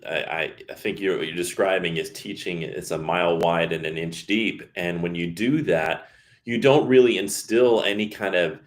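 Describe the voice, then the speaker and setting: Man, 50s, interview host, very low voice, slow, deliberate questions. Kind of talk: conversational interview.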